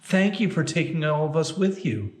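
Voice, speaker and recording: A man's voice: on the high side, animated, normal speed, voice pushed up, natural voice. A man voicing a poor, humble man who pleads politely in a joke told within a sermon. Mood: pleading. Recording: roomy echo.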